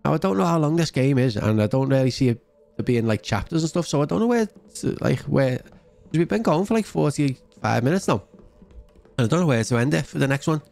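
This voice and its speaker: A slightly high, creaky and a little mellow voice comes from a gaming channel host around his thirties or forties, speaking briskly and with animation. Seated at his indoor gaming setup near a close desk mic, he chats through a let's-play, thinking aloud.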